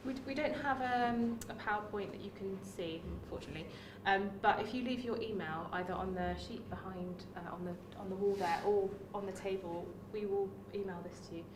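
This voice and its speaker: A woman's voice: mid-range voice, brisk, hardly any pauses, echoey room, distant mic, noisy background. A woman, a music therapist and former teacher, giving a friendly workshop talk with frequent "um"s. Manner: friendly, many "um"s, speaks to the room. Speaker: early years music practitioner and music therapist. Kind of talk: workshop presentation. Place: workshop room.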